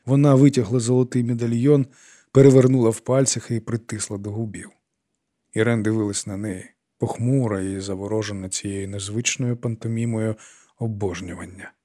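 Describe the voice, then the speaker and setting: A man reading an audiobook as its narrator, telling the story in a calm, even way. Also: lowish voice, brisk. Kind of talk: scripted narration.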